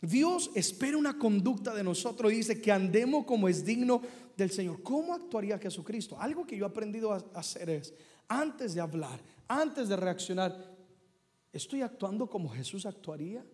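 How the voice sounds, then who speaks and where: A high-pitched man delivers a sermon as pastor, drawing responses from his congregation. His voice rings out with a long hall reverb behind it, the sound of a church hall. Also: animated, brisk, darkish tone. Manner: preaching to a congregation, calling for responses.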